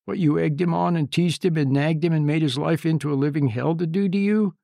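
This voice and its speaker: A man giving an informal sermon, emphatic and repetitive, often checking in with a quick "See?". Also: on the high side, creaky, warm tone, dry recording, studio quality. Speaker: preacher.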